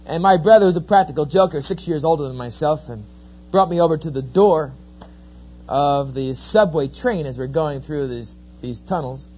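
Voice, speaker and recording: The dull lo-fi recording captures a middle-aged man from New Jersey, USA, whose accent matches, giving a sermon-like talk as a lively, joking storyteller full of folksy tales. His voice is a little high with a breathy edge, at normal speed.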